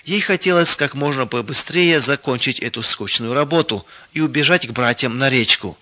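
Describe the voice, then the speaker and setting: Man, storybook narrator, very bright tone, dull lo-fi sound. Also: mid-range voice, normal speed. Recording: dull lo-fi recording.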